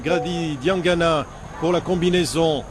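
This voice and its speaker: A man's voice: a little high, fairly even intonation, unhurried, noisy background. A man giving live football commentary in broken phrases, often hesitating as he searches for words.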